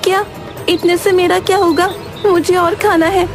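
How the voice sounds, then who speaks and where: A woman's voice: very high-pitched, fairly even intonation, moderate pace, music in the background. A woman voicing a cheeky young bride who is always hungry, with a whiny, pleading way of talking. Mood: greedy.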